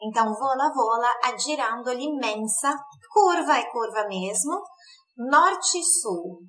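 Woman teaching italian online, kinda high voice, slows down to repeat words. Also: lively intonation, a bit bright, rough recording. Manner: explains slowly, repeats words for pronunciation. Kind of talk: online language lesson.

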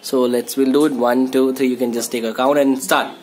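A man's voice: mid-range voice, little pitch movement, brisk. A young man hosting his own channel, chatting casually and teasing his friend, with plenty of loose fillers. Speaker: channel host. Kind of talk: casual chat.

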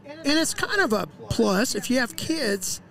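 A walleye fishing guide, a middle-aged podcast guest, talks shop in a casual interview on an outdoor lakeside deck. His fairly high, gravelly voice is very animated, unhurried and fairly bright, and he explains things easygoingly with fillers and restarts. He speaks into a headset mic.

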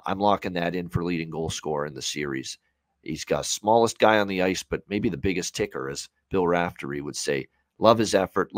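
This low-pitched Canadian, a man in his thirties from the Hamilton, Ontario area, discusses sports bets casually and discursively, repeating phrases for effect. He joins a video call from a small room in his home. There's no echo.

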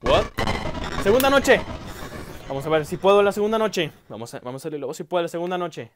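A man giving excited horror gameplay commentary, jumpy, repeating words and crying out. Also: sits high, quick pace, background noise.

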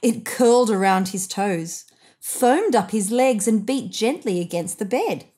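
A woman reads a children's picture book aloud expressively, deliberately stressing key phrases. Her mid-range voice is mellow with a breathy edge.

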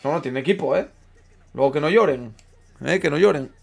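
A young man giving casual commentary while playing a football management game, chatting with viewers, swearing and yelling at big moments, then muttering low. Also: fairly quick, gravelly. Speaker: gaming streamer. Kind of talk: casual live gameplay commentary.

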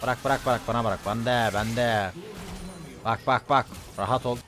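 A young man streaming a game, loud and excitable, swearing and yelling at his teammates. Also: medium pitch, measured pace, music in the background. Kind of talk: live gaming commentary.

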